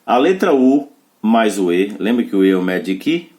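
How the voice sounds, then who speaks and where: A man's voice: lowish voice, big pitch swings, normal speed, a little mellow. A man teaching a pronunciation lesson. He explains the rules step by step and checks with short questions that students follow. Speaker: English teacher.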